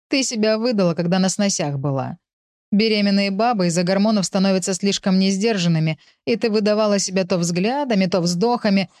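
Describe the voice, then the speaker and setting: A woman's voice: mid-range voice, a little mellow, close to an everyday voice. A woman voicing a cruel, mocking husband who sneers and taunts his wife in an audiobook.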